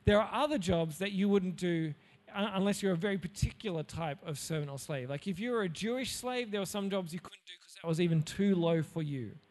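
A man preaching in a high voice, animated and jokey, with plenty of playful asides. His voice carries a long reverb from a large hall. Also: brisk. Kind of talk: Bible talk for young listeners.

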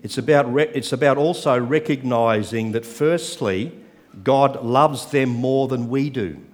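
An older man with an Australian accent, preaching as a guest pastor in short phrases that leave pauses for an interpreter, with light humour. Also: mid-range voice. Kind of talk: sermon with live interpreter. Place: church sanctuary. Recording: reverberant church hall.

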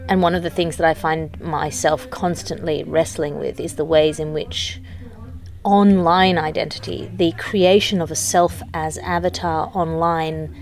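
Backstage at a venue, a woman comedian chats casually, working through ideas in a thoughtful, analytical way. Her voice is deep and darkish in tone, with fairly even intonation and an unhurried pace.

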